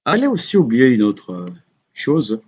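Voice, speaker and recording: A man giving a spoken computer lesson, explaining slowly and step by step, often repeating himself and pausing on fillers. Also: mid-range voice, wildly swooping pitch, darkish tone, slightly rough. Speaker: computer teacher.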